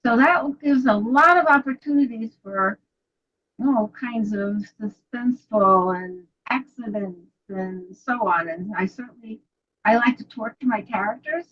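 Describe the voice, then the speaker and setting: Speaking a little slowly in a fairly high voice, this older New York woman with a Brooklyn accent is an author chatting about her books in a casual interview. She's a chatty storyteller who laughs a lot, talking from a bookshelf-filled home study. Her webcam video call sound is dull and lo-fi.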